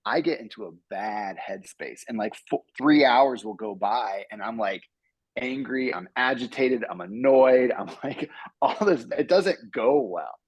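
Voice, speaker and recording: A man, a software engineer, giving earnest advice to students on a panel and acting out his own thoughts as he goes. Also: medium pitch, a little slow, slightly rough, no room sound. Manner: earnest, animated, acts out his own inner voice.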